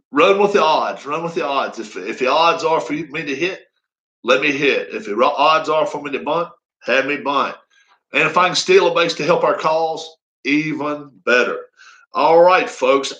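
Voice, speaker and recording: A man's voice: fairly high pitch, sharp tone, low-quality recording. Rambling folksy man in his fifties. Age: 50s. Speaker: racing league streamer. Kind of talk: casual live-stream chat.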